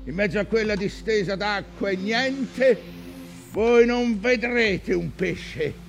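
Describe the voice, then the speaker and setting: An actor playing an obsessed, scarred old whaling captain in a declamatory theatrical stage monologue. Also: male voice, high-pitched, slow pace, creaky, faint music behind, heavily acted. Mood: commanding, intense. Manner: declamatory, swinging from hushed brooding to shouted commands.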